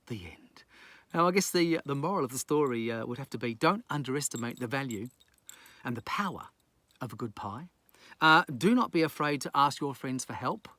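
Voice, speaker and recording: A New Zealand man reads a rhyming children's story aloud in a theatrical, playful pirate persona, tossing in casual asides. His mid-range voice is animated and sharp in tone, at a normal speed. There's no room sound.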